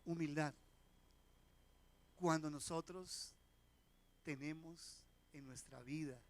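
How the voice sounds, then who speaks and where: A man, a pastor preaching a sermon in church, who questions the congregation and acts out the voices of people in his stories. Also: fairly high pitch. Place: church sanctuary.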